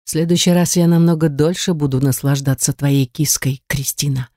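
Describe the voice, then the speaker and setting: Brief: teasing, commanding lover, read by a woman, mellow, dry close read. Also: deep voice, fairly even intonation, normal speed, no room sound, close to an everyday voice.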